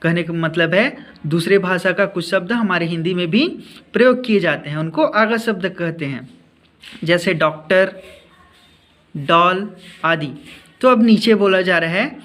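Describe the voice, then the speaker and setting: A man's voice: high voice, normal speed, a bit bright. A male teacher explaining a class lesson to children, repeating points and asking them questions.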